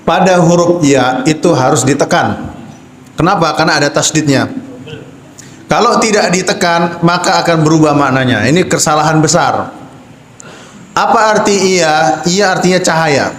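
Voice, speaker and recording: Guy teaching quran reading in a mosque, kinda high voice, asks then answers himself, lots of room echo. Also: moderate pace, fairly bright tone, a little hiss or hum. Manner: explanatory, asks and answers his own questions. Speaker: religious teacher. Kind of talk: Quran recitation lesson. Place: mosque hall.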